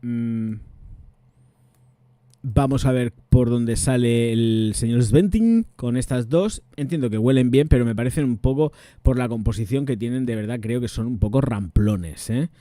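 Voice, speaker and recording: A man from talks casually through perfume notes, often thinking aloud and trailing off while he checks details. His voice is mellow and warm. The sound is dry and close to the mic. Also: medium pitch, a little slow, no room sound. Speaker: perfume reviewer. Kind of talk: casual chat.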